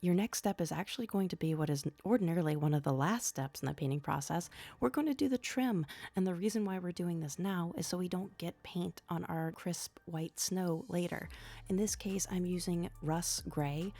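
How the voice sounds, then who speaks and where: A woman with a hoarse voice from a cold, talking softly as she hosts a hobby painting tutorial voice-over. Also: moderate pace. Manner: soft, low-volume delivery. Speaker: miniature painting tutorial host.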